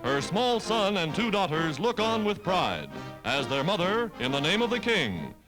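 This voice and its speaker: A man narrating an old 1940s wartime newsreel in a brisk, dramatic announcer manner. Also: high-pitched, very animated, loud music behind the voice, low-quality recording.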